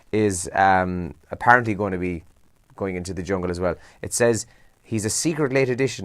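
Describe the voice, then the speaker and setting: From a radio studio, a Kerry Irishman with a rather low voice presents a breakfast show, casually going over the morning papers while tossing in asides and rhetorical questions. The audio has no echo.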